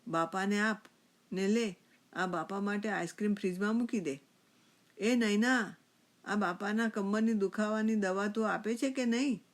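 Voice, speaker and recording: A woman doing a fretful, loud-calling son. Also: mid-range voice, normal speed, pitched above the performer's own voice, lightly acted. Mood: agitated. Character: grown son, agitated and fretful.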